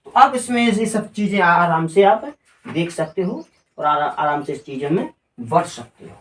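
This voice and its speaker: A man's voice: sits high, animated, moderate pace, roomy sound, recorded from a distance. Man teaching grammar, off-mic. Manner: spells words out letter by letter and asks rhetorical questions. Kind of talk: classroom lecture.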